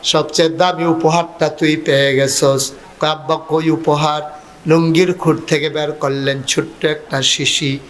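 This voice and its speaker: A man preaching at a religious gathering, telling a story in a sing-song sermon manner with sudden high rises. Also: flat delivery, unhurried, slight background noise.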